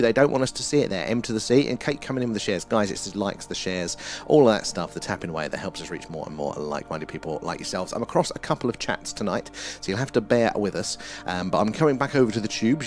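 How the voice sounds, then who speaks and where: A man with an Essex accent talks as a livestream host, rambling casually from one comment to the next. His pitch is a little low but moves around a great deal, with music behind him. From Essex, England. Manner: rambling, conversational, often ends phrases with "there". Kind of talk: casual live commentary, answering chat.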